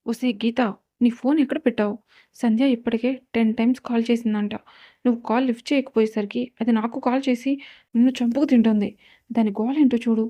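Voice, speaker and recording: A woman's voice: on the high side, fairly even intonation, a little fast, warm tone, no echo, lightly acted. A woman voicing a blunt young female student who scolds in a storybook reading. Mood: impatient.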